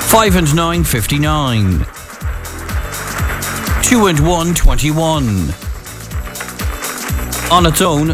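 An Irish man calls bingo numbers on the radio in a classic sing-song caller's manner. His voice sits fairly high and swings animatedly up and down, with music playing behind him. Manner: sing-song bingo calling, each number repeated in words and digits.

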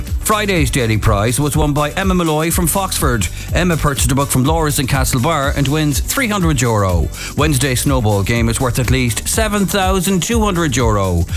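An Irish man working as a radio bingo caller, reading out numbers clearly in pairs of digits and announcing game details. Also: a little high. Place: radio studio.

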